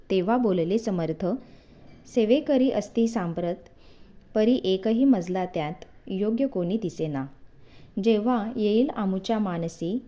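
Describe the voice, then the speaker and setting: A woman recites devotional scripture in a measured, verse-by-verse cadence. Her voice is soft and mellow, and she takes her time over every line. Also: medium pitch. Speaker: devotional reader.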